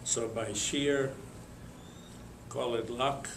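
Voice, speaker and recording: An older man from Lithuania, telling his life story to an audience in a slow, halting way with many pauses and fillers. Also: mid-range voice, steady tone, reverberant, very noisy. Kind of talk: spoken testimony to an audience.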